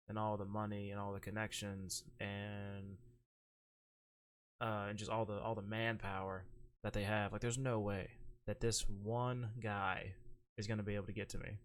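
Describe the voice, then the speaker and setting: A man's voice: fairly low pitch, fairly bright tone, clean tone. A man co-hosting a podcast, chatting casually about a film and rambling through scene retellings with lots of fillers. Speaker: podcast co-host. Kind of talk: casual chat about movies.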